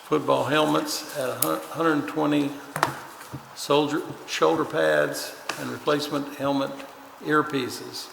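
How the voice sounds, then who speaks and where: A man's voice: a little high, fairly even intonation, takes it slowly, gravelly. A man presiding over a county court meeting, reading agenda items in a plain businesslike way. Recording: echoey chamber with long reverb and faint noise.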